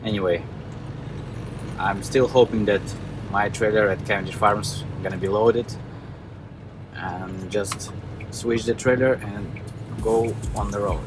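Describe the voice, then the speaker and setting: This truck-driving vlogger from Kazakhstan talks casually in a fairly low, steady voice with a Russian accent, pausing often as he hunts for words in a language that isn't his first. Heavy truck rumble and outdoor sounds fill the audio, recorded both in a truck yard and in the cab.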